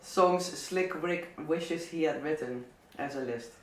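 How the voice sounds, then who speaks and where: His voice fairly high and a bit bright, a record selector and DJ with a southern Brabant Dutch accent hesitates through casual talk about favourite records, full of fillers and restarts. It's an indoor listening session, captured by a distant mic in an echoey room.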